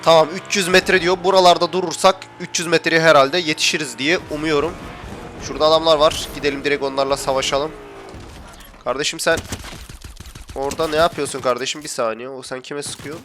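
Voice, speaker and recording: A man's voice: a little high, fairly even intonation, fairly quick, over music. Young man grumbling over his game. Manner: grumbling, gets worked up and complains to viewers. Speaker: gaming YouTuber. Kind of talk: casual gameplay commentary.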